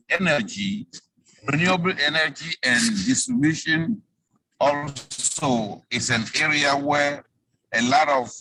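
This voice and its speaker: A man presenting remotely over a video call whose connection keeps breaking up. He talks haltingly, with many fillers. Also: a little high, gravelly, bright, forceful tone, poor audio. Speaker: panelist on an investment webinar.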